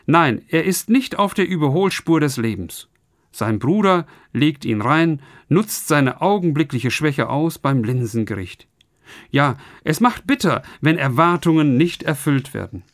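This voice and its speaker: A man's voice: fairly high pitch, lively intonation, measured pace, no room sound, clean studio sound. A man preaching a radio sermon, speaking earnestly and turning to his listeners with direct questions.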